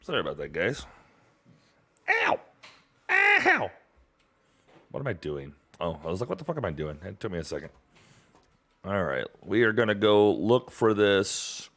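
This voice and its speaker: A man with a lowish voice narrates his own gameplay for a live stream. He talks slowly, his pitch jumping around as he grumbles, swears and chats casually with viewers. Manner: profane, easily annoyed, talks to himself.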